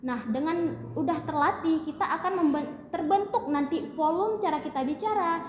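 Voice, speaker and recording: Chatty young woman, high voice, echoey room. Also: moderate pace. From Aceh. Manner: chatty, explains with many fillers, addresses listeners as guys. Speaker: student guest. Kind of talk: casual podcast chat. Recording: echoey room with faint noise.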